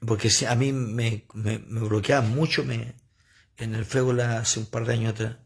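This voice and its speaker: Man, preacher, livestream sermon, phone mic, husky, gravelly, lively delivery. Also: medium pitch, normal speed. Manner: preachy, animated, asides to viewers.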